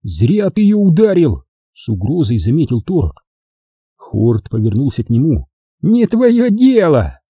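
Husky, mellow male audiobook narrator. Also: mid-range voice, no room sound, clean studio sound. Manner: expressive, dramatic reading.

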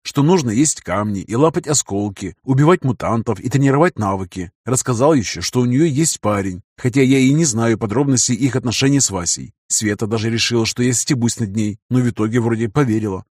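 A man's voice: medium pitch, a little fast, few pauses, a little mellow, no room sound, clean studio sound. A man narrating a first-person audiobook in a casual, wry storytelling manner.

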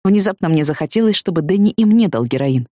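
A woman reading a first-person novel aloud in an expressive way. Her voice sits low, while her pitch moves in lively arcs across each sentence. The sound is close and dry, with no room echo. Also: quick pace. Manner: expressive, emotionally engaged reading. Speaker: audiobook narrator.

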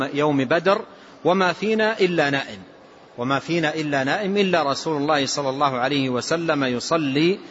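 A male scholar giving a lesson on a classical text, explaining phrase by phrase, repeating himself and pausing with drawn-out fillers. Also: fairly high pitch, fairly bright tone. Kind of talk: lesson commentary. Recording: dull lo-fi recording with faint hiss.

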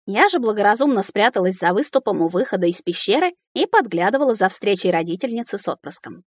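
A woman narrating a first-person comic fantasy audiobook in a lively, ironic way. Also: medium pitch, fast talker, no echo.

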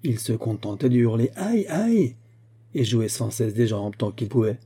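A man reading a fantastic folk tale aloud as narrator, in a lively storytelling manner. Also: on the low side, moderate pace, husky. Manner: lively storytelling, voicing the grandfather's lines.

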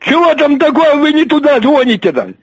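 A man's voice: very high-pitched, sing-song, a little fast, no room sound. Irritated man answering the phone. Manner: impatient, irritated, keeps asking who is calling. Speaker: call recipient.

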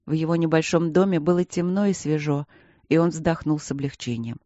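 Male audiobook narrator, steady storyteller, slightly high voice, dry close recording. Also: brisk, dry recording, lo-fi sound. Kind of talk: scripted narration.

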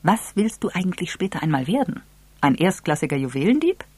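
A reader voicing Mister Points, an elderly, sly and teasing gentleman, in a dry, good-humoured manner. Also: mid-range voice, sing-song, fairly quick, husky, no room sound, pitched above the performer's own voice. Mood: genial.

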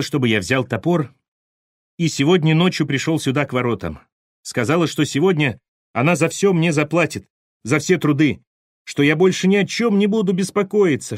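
A man voicing a terrified male drunk electrician who pleads, whimpers and breaks into hysterical shouts in an audiobook. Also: on the high side, no room sound, clean studio sound, pitched above the performer's own voice, close to an everyday voice. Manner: pleading, tearful, near-hysterical.

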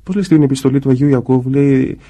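A man, a priest, talking about prayer in a conversational way and acting out quoted voices as he goes. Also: mid-range voice. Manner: acts out quoted voices in lively asides.

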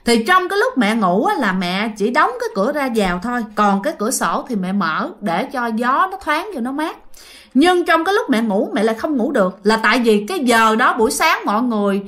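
Her pitch is fairly high and her tone fairly bright as she, a woman with a Southern Vietnamese accent, hosts a channel of casually told ghost stories. The storytelling is chatty, aimed right at listeners, and thick with sentence-final particles.

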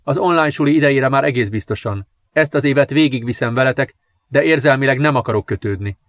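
A man voicing a gentle teenage girl who speaks softly and apologetically. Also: mid-range voice, no room sound, close to an everyday voice. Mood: apologetic. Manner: soft-spoken, apologetic.

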